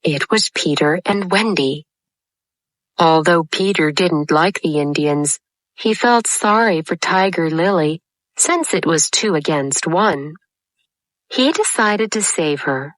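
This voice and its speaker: A woman narrating a storybook in a calm, measured way. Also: lowish voice, dry recording.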